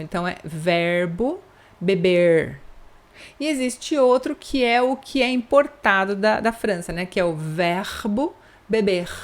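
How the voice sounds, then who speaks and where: A Brazilian woman with a São Paulo accent teaching Spanish pronunciation in a chatty online lesson, drawing sounds out in an exaggerated way and checking in often. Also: mid-range voice. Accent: São Paulo Brazilian Portuguese. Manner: exaggerated, drawn-out demonstration of sounds; chatty, checks in with frequent asides.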